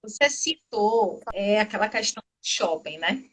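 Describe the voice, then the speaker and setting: A woman in her thirties with a Brazilian Portuguese accent, hosting a live video chat in a quick, chatty way. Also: medium pitch, expressive, fairly bright tone, a little hiss or hum. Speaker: live show host.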